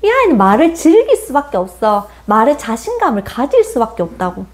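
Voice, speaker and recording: A woman in her forties, a parenting educator, talking casually with her husband in an animated, lively way. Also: on the high side, fairly quick.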